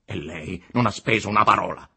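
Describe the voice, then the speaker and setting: A man voicing an agitated young male engineer who protests angrily and convulsively, with a husky voice. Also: on the low side, fairly quick, sharp tone, voice pushed up, full character voice. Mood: indignant.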